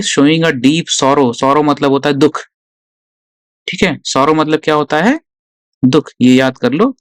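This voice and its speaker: A man with a mid-range voice teaches exam vocabulary online in a blend of Hindi and Indian-accented English. He quizzes himself, supplies the answers, and slowly repeats the important words. There's no echo.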